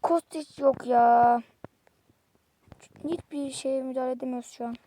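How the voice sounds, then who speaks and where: A woman's voice: sits high, fairly even intonation, moderate pace, mellow, slight background noise. A woman giving exasperated live commentary while playing a football video game, muttering to herself and snapping at the game. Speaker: gamer.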